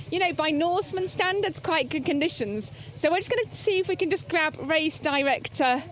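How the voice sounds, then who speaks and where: A woman reporting live from an outdoor race aid station, chatty and upbeat, laughing often. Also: high-pitched. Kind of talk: live trackside commentary.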